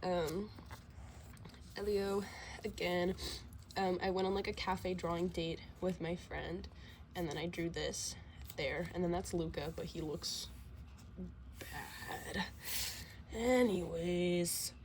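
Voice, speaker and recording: Taking it slowly with long pauses, this teen vlogger walks through her sketchbook in a steady, slightly mellow, slightly low voice. She has a slight cold and sniffles occasionally, rambling casually with lots of fillers and self-deprecating remarks while a faint hum sits beneath.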